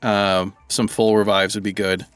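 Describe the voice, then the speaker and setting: A man's voice: lowish voice, level tone, unhurried, clean tone, dry recording, soft background music. A man giving casual let's-play commentary, thinking aloud and rambling as he plays. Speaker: gaming video creator.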